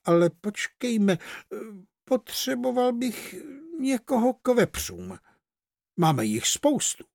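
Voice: mid-range voice, sing-song, gravelly, darkish tone, no echo, clean studio sound, voice pushed up. A fussy old storybook emperor, as the narrator puts him on. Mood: offhand.

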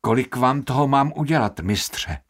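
Croaky pushy young apprentice guy, a man doing him a bit higher than his own voice, keeps pressing. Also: expressive, soft background music, natural voice. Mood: eager. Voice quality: creaky, croaking. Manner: pushy, insistent repetition. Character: scrawny odd young male perfume apprentice, insistent.

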